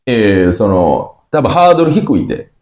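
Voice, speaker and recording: A man's voice: fairly low pitch, moderate pace, roomy sound. A man with a Kansai accent co-hosting a casual comedy radio show, reading listener mail and teasing his partner. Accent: Kansai Japanese. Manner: teasing, animated banter with sudden loud jumps.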